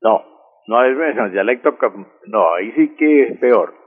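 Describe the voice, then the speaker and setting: A man explaining word usage on a radio language segment, patient and methodical, repeating key words slowly. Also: mid-range voice, lively intonation. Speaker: language expert answering listeners. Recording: husky voice over a tinny phone line with long reverb.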